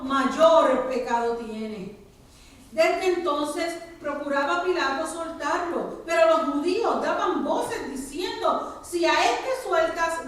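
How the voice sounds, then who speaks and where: A woman reading scripture aloud at a church service, measured and solemn. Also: sits high. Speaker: scripture reader. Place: church sanctuary. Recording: very echoey church hall, mic far off.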